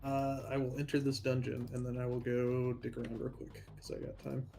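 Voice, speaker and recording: A man's voice: mid-range voice, monotone, brisk, vocal fry, dark tone. A man chatting casually over a voice call while playing a game, giving joking, offhand commentary on his play. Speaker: friend on voice chat, playing a game.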